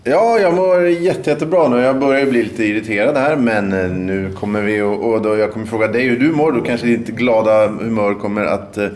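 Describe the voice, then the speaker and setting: A man's voice: fairly low pitch, few pauses. A man co-hosting a casual, joking talk show in an easygoing, hesitant way, often restarting his sentences. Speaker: co-host. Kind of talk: casual comedic chat.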